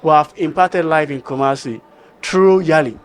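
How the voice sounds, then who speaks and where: Young man, from Nigeria, tech entrepreneur, earnest, halting, higher voice. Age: young adult. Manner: earnest, halting, many restarts. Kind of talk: panel conversation. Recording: faint ambient background noise.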